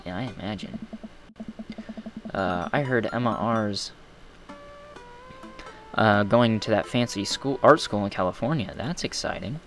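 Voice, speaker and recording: Low-voiced young man rambling over game. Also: unhurried, pauses often, fairly bright tone, faint music behind. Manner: rambling and self-deprecating, full of fillers and asides. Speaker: gaming streamer. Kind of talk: live game commentary, reading chat.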